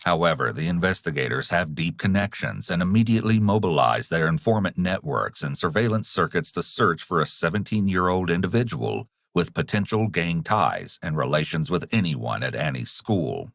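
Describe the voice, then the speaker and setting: Man, very deep voice, true-crime narrator, scripted, measured, dramatic, dry close sound. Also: expressive, gravelly, fairly bright tone, dry recording.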